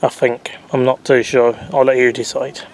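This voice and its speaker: A man talks in a chatty, rambling way to a handheld camera, his voice sitting at an ordinary middle pitch. He is outdoors, with a faint hum of wind and distant traffic under his voice. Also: flat delivery, normal speed, a little mellow. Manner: chatty, rambling, self-correcting. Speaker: travel vlogger. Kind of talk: casual walking vlog commentary. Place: outdoors in countryside and on a rail platform. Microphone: handheld camera mic. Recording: faint outdoor background noise.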